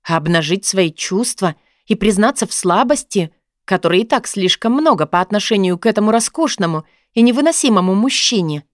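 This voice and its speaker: A woman reads a first-person story aloud as an audiobook narrator. Her voice sits at a middle pitch and has a sharp, sarcastic edge. The recording is dry and close. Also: lively intonation, brisk, no room sound.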